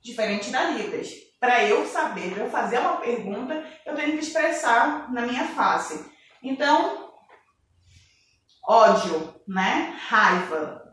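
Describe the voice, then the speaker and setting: A woman's voice: on the high side, animated, measured pace, fairly bright tone. A woman teaching an online class, explaining signs step by step and asking rhetorical questions she then answers herself. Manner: names signs one by one while demonstrating. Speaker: sign language teacher. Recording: roomy echo from a distance, faint noise.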